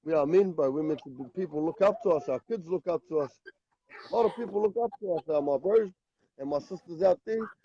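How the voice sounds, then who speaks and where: High-voiced Kiwi man, earnest and mellow. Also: brisk, slightly rough, highs cut off. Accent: broad New Zealand. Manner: repeatedly punctuates phrases with "bro". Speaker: guest caller. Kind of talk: casual, earnest motivational talk.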